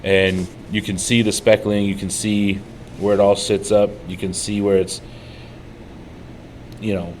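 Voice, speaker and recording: A man's voice: lowish voice, flat delivery, a little slow, long pauses, darkish tone, a little hiss or hum, poor audio. A man co-hosting a casual miniature-painting tutorial, rambling and telling stories with plenty of fillers. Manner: rambling, storytelling, frequent fillers.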